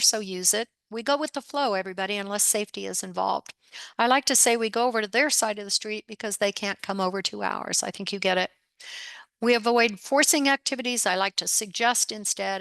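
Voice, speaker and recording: Bright, upbeat woman presenting a webinar. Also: medium pitch, clear, resonant tone, no echo. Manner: upbeat, direct, often calls out to everybody. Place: home or office desk.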